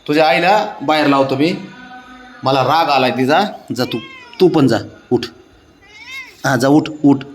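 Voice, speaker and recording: A man's voice: medium pitch, unhurried, long pauses, a little hiss or hum. A man talking to his pet cat in a coaxing, teasing baby-talk voice, in a casual home video.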